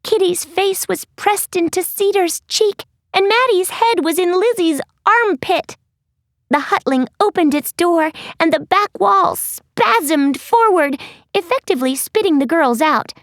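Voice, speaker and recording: A woman reads a children's fantasy audiobook with a high, lively voice that swoops all over. She takes a slow, playful storytelling pace. The recording is dry and close-miked. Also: no echo. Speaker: audiobook narrator. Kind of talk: expressive audiobook narration.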